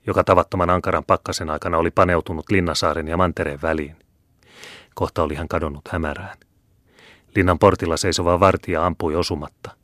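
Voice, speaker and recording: A man reading an audiobook in a steady, measured narrating voice. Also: sits low, no echo, clean studio sound. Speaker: audiobook reader.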